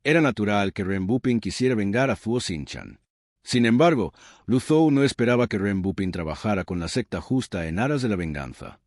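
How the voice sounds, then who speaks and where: A man narrating a scripted story recap in a measured, dramatic storytelling manner. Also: lowish voice, expressive, no echo, clean studio sound.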